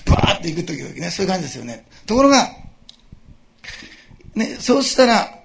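Middle-aged male pastor, gravelly and fairly high, lively sermon delivery that swings up and down, asks the congregation questions. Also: fairly quick, noisy background. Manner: animated, chuckling preacher who asks the congregation questions.

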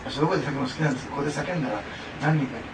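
Male pastor, rapid, fervent sermon delivery; echoey hall, mic from far. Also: on the high side. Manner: fervent, expressive preaching with frequent laughs. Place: church sanctuary. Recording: echoey hall from a distance with noise.

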